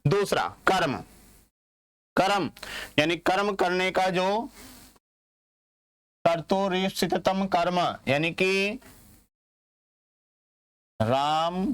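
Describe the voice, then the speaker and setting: Male teacher from India, slow and drilling, smooth voice. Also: high voice, fairly bright tone, no echo. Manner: asks questions and answers them himself, repeats words slowly. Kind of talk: classroom grammar lesson.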